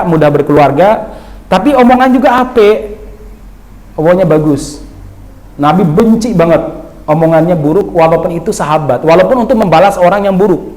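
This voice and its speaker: A man giving a dawn sermon in a lively, teasing way, asking his audience questions. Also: on the high side, echoey room, poor audio. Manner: slips into Javanese phrases. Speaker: preacher.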